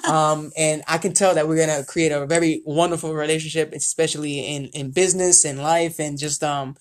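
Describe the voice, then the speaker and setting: A woman's voice: sits low, fairly even intonation, a little fast. A woman hosting a podcast in a loose, upbeat way, full of "you know" and "um". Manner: upbeat, loose, lots of fillers. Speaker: podcast host. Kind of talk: casual podcast talk.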